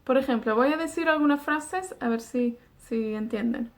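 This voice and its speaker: A woman from Wales teaching a beginner language lesson, slow and patient, repeating each word twice. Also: sits high. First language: Welsh. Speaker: Welsh teacher.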